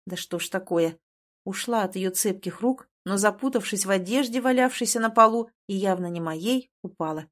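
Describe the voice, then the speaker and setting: A woman's voice: mid-range voice, normal speed. Woman narrating a wry audiobook. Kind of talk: first-person audiobook narration.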